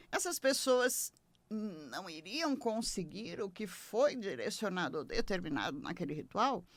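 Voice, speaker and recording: On a late-night spiritual advice show, a woman with a Brazilian Portuguese accent and a mid-range voice gives conversational spiritual teaching. She speaks expressively and emphatically, adding playful asides, with no echo in the audio.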